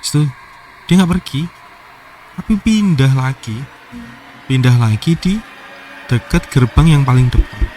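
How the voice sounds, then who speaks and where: A man's voice: medium pitch, animated, unhurried, long pauses, low-quality recording. A man telling a personal horror story in a casual, hesitant way, often quoting what he said. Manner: hesitant, quoting his own words, soft-spoken. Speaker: guest storyteller. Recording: music playing behind.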